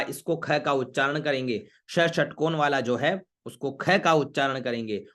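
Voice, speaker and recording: Man, chanting teacher, online class, clear bright tone, unhurried, chants phrases slowly. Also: fairly high pitch. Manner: explains syllable by syllable, then slowly chants each phrase.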